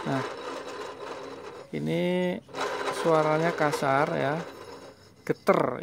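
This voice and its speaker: A man's voice: on the high side, vocal fry, noisy background. A man, a mechanic explaining a diesel engine repair step by step in a workshop. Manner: explains step by step to viewers, switches to Javanese with the owner. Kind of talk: hands-on repair demonstration.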